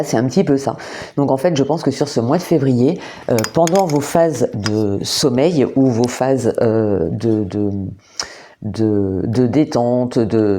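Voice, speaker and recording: Gentle French-speaking woman reading cards. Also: very deep voice. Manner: gentle, hesitant, many repeated words and fillers. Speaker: tarot and oracle card reader. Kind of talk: monthly astrology card reading. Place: indoors under artificial light.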